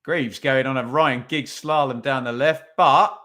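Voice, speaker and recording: A man's voice: mid-range voice, steady tone, a little slow, a bit bright. Chatty man commentating a match. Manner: chatty, thinks aloud with tag questions. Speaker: podcast host. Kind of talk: casual live watch-along commentary.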